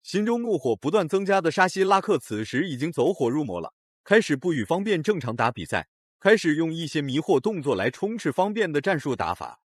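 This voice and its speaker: A man's voice: a little high, sing-song, fairly quick, no echo, studio quality. A man narrating a scripted recap of a fight in a dramatic, opinionated way. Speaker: video narrator.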